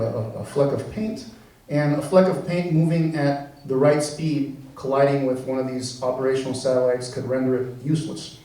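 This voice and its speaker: A man, an engineering professor raised in Venezuela, giving a relaxed public science talk with lots of fillers and restarts. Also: medium pitch. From born in the US, raised in Venezuela. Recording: very echoey room, mic far off.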